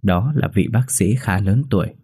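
A man reading a horror story in a steady, measured way. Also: fairly low pitch, husky, no echo. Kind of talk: scripted horror narration.

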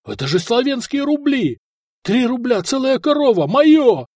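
Rowdy, greedy mercenaries, as a male narrator shouts them, whooping and squabbling. Their voices jump high and loud, with a dry close sound. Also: moderate pace, breathy edge, no room sound, heavily acted. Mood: greedy yelling. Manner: yelling, excitable.

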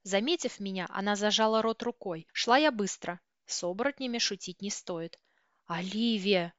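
A woman reading a first-person novel aloud with steady, tense storytelling. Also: mid-range voice, moderate pace, no room sound, muffled recording. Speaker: audiobook reader.

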